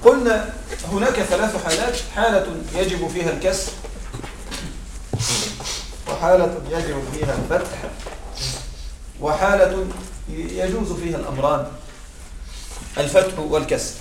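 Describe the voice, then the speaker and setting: A man with a high-pitched voice teaches an Arabic grammar class at normal speed, pausing often and frequently checking that students follow; he even greets people arriving mid-lesson. The recording is echoey and noisy, captured with a distant mic.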